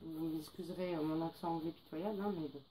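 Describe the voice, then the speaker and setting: A woman's voice: low voice, fairly even intonation, fast, mellow, a little hiss or hum, rough recording. A young woman chatting casually about books she bought, hesitating often with fillers. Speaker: book vlogger. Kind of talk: casual book haul vlog.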